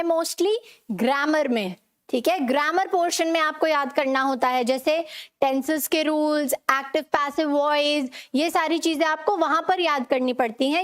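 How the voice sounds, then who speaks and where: High-pitched woman teaching pronunciation. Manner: repetitive drilling, frequent "ठीक है" check-ins; reads student comments aloud and answers them. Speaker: English teacher. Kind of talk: online spoken-English class.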